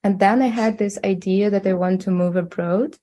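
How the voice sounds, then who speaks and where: Russian-born woman guest, warm and dark tone, searching for words. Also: medium pitch, fairly even intonation, normal speed. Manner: hesitant, many fillers and restarts. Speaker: interview guest. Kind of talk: casual interview answers.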